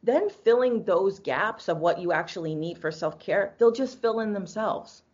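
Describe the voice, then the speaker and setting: A woman's voice: mid-range voice, normal speed, a little mellow, breathy edge, muffled recording. A woman co-hosting as an energy healer, chatting casually and emphatically, often answering her own questions. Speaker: podcast co-host and energy healer. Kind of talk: casual conversational advice.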